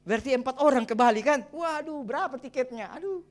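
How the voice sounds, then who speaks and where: A middle-aged man, a pastor, preaching a sermon and telling his own story in a lively way with exclamations and chuckles. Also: extremely high pitch, quick pace. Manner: addresses the congregation as brothers and sisters. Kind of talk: sermon with personal testimony.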